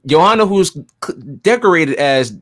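A man's voice: a little high, animated, a little slow, fairly bright tone. A man co-hosting a fight podcast, talking earnestly about his picks in a casual chat. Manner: earnest, giggly when teased. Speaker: podcast co-host.

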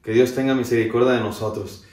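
A young adult man, a pastor, talking quickly and with enthusiasm and then singing with an acoustic guitar in a living room. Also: medium pitch, steady tone. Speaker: pastor and singer-songwriter. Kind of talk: casual introduction and singing with guitar. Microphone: far camera. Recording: echoey room, loud guitar.

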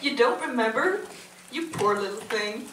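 A woman's voice: a little high, expressive, moderate pace, far from the mic, noisy background, lightly acted. Woman reading giggly flirty Lisa. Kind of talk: live amateur script reading. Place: cinema stage before a live audience. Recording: echoey hall, picked up from afar.

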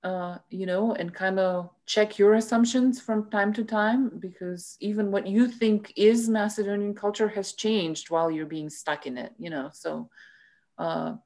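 A middle-aged woman speaking as a guest on a video call, reflective and conversational, with halting phrasing and many "you know" asides. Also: mid-range voice, steady tone, darkish tone. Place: indoor room with bookshelves.

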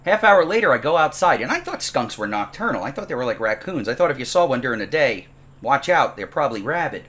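A man's voice: mid-range voice, fast talker. A man teaching a programming class from his home, telling a funny story in a casual, exaggerated, self-mocking way. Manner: animated, comically exaggerated, self-deprecating. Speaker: programming instructor. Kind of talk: casual storytelling before a lesson. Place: at home, dining room table.

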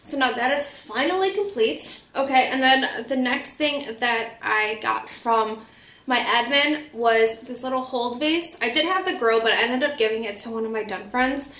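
A chatty woman with a fairly high voice, recovering from a cold and talking through a casual haul video. Her talk is loose and full of fillers. The sound is echoey, as in a roomy home studio. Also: moderate pace, sharp tone. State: getting over a cold. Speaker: vlogger.

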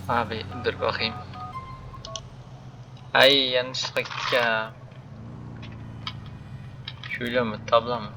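A young man giving loud, joking commentary while playing a game, swearing and shouting at the characters on screen. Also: medium pitch, background noise. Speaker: gaming YouTuber. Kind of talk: casual gameplay commentary.

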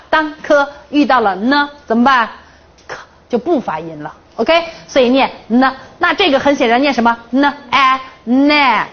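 High-voiced woman teaching a phonics class. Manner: drills the class with counted chants and quick questions; playful, teasing questions. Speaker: English teacher. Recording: dull lo-fi classroom recording.

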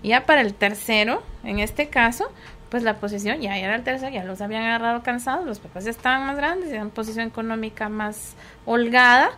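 A woman's voice: on the high side, brisk, pushed and bright, slight background noise. A middle-aged woman, a psychologist, explaining things patiently in conversation and often checking that her listener agrees. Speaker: psychologist guest.

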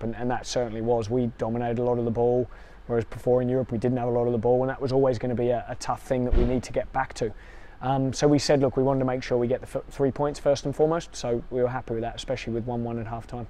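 A man in his thirties, a football coach, answering questions in a post-match interview outdoors by the pitch, measured and quick with small restarts. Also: level tone, dark tone.

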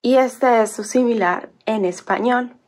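A woman's voice: on the high side, darkish tone. A woman teaching an alphabet, spelling out syllables one by one in a patient, explaining way. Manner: patient, spelling out sounds slowly. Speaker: language teacher. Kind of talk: explaining on a whiteboard.

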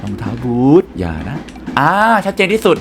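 A young man hosting a gaming channel, excitedly commenting on a puzzle game and talking to his viewers. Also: mid-range voice, normal speed, slight background noise. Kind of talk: let's play commentary.

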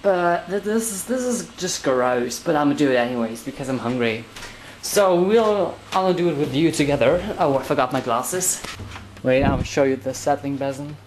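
This young woman's low-pitched, darkish voice is expressive and moves at a moderate pace. She rambles to her pet bird as she makes lunch in her small kitchen, filming a casual vlog whose handheld camera audio comes out noisy.

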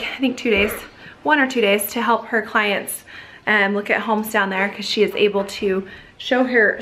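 A woman's voice: on the high side, a bit bright, echoey room, a little hiss or hum. A woman vlogging casually at home, chatting and gushing about clothes. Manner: chatty, gushing, coos at the kids. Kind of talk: casual vlog chat.

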